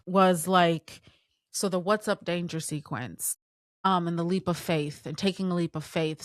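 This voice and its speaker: A woman's voice: on the low side, no echo, studio quality. A woman co-hosting a podcast, talking about films in an enthusiastic, emotional way with lots of fillers. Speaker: podcast co-host. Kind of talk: casual film discussion.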